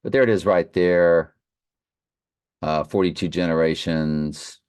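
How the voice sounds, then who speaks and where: A deep, darkish male voice, a little slow, comes through clean with no room sound. The speaker runs an informal online Bible study, reading passages and remarking on them off the cuff, his words slightly slurred because the dentist left half his mouth numb.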